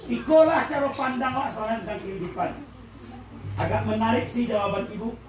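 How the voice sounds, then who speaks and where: A man with a Minangkabau accent giving a lively religious talk at a school event, quizzing the audience and often shouting and laughing. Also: extremely high pitch, fairly quick. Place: large indoor hall with an audience. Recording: echoey hall, far from the mic, with a crowd and noise.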